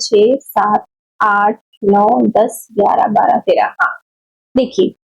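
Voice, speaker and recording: High-voiced woman teaching Hindi grammar. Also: dark tone, highs cut off. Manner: slow, deliberate explaining with repeated checks; corrective, scolding about wrong teaching. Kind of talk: exam-prep grammar lesson.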